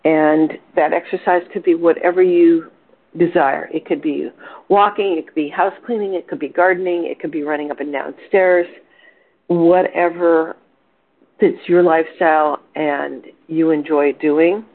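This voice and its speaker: A woman's voice: low voice, steady tone, normal speed. An older woman hosting a wellness support call, talking in a cheerful, chatty way with fillers and self-corrections. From Portland, Oregon. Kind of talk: informal coaching talk on a conference call. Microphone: telephone. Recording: phone-line conference call.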